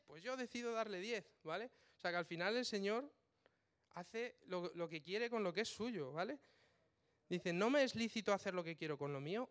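A man preaches in an easy, conversational way, often checking in with his listeners as he talks. His voice sits a little high for a man and comes through smooth and clear. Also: fairly bright tone. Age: adult with children. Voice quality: colloquial, uses "vale" often. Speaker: church speaker. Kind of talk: informal sermon.

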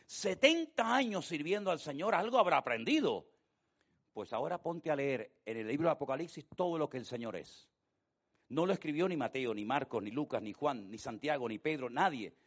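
A man preaching a sermon, telling the story with hushed and loud turns. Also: fairly high pitch, expressive, moderate pace, husky. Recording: dull lo-fi sound.

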